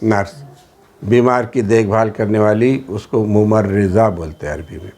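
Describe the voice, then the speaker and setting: A man with a Hyderabadi Urdu accent teaching a classroom lesson, repeating each word and its meaning in a steady drill with English words mixed in. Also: fairly low pitch, a crowd in the background. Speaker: Arabic teacher.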